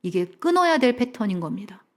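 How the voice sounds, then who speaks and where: A middle-aged woman counselor giving a lively seminar talk in a church. She has the audience repeat phrases after her and drops to a soft whisper for emphasis. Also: mid-range voice, fairly quick. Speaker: family counselor, guest speaker.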